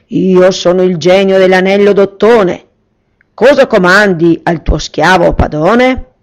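A huge, servile genie of a ring, played by a woman reading aloud. He declaims reverently in rhyme, a touch louder than the telling. Solemn and dutiful, straight out of a storybook. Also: lowish voice, takes it slowly.

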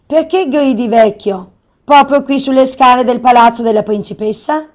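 A woman's voice: on the high side, lively intonation, moderate pace. A woman voicing an eager, obliging young housekeeper in a raised voice. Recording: slightly muffled recording.

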